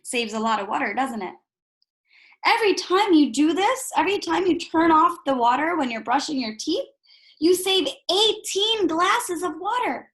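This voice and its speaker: A woman with a very high voice reads a picture book aloud to young children at normal speed, teacher-style. She's expressive, animated and instructive, adding explanatory asides and putting rhetorical questions to her young listeners.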